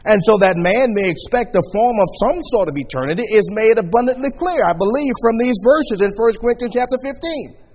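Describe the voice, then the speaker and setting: A man preaching a sermon at a pulpit microphone, teaching in a measured way as he walks his listeners through scripture verses. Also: very high-pitched, animated, darkish tone, big-room sound, a little hiss or hum.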